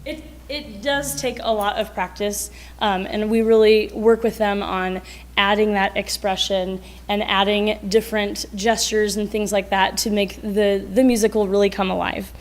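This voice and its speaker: A woman's voice: mid-range voice, fairly even intonation, moderate pace. A woman teacher presenting at a school board meeting, encouraging children as she puts questions to them. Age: adult.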